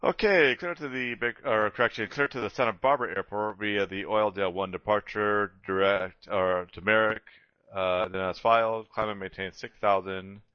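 A man speaking as a pilot over the radio, reading back clearances. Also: fairly low pitch, fairly even intonation, normal speed, no room sound. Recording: dull, dry lo-fi radio transmission.

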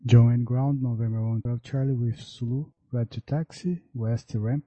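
A man reading back clearances as a pilot over radio from a cockpit headset. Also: medium pitch, steady tone, measured pace, mellow. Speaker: pilot on air traffic radio. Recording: muffled aviation radio.

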